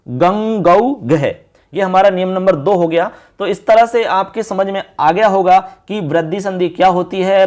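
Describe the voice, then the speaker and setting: A man teaching a grammar lesson to a class, patiently repeating each answer as a question and drawing out syllables slowly as he writes them on a board. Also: sits high. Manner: drawn-out slow spelling of syllables. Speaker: Sanskrit teacher.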